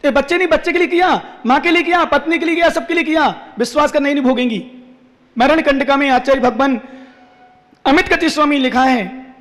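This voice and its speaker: High-voiced preaching man in a reverberant hall. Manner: emphatic, repeats key phrases, asks rhetorical questions. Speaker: Jain monk preacher. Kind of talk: sermon with chanted scripture verses.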